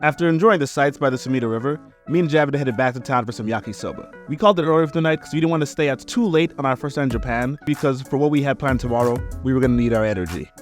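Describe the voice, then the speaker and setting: A man narrating his own travel vlog in a relaxed storytelling voice-over. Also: medium pitch, very fast, faint music behind. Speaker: travel vlogger.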